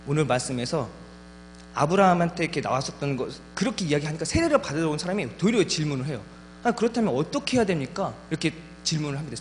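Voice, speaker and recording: A man delivering a sermon with a fairly high, very lively voice that rises and falls as he presses rhetorical questions on his listeners. His words ring out with a long church reverb, and a faint electrical hum runs underneath. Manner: animated preaching with rhetorical questions. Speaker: preacher. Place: church sanctuary.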